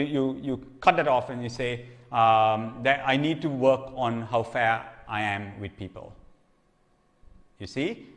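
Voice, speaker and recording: A man preaching in a conversational teaching style. He often asks "okay?" to check in and repeats or restarts phrases. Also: mid-range voice. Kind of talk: sermon teaching. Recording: long reverb hall.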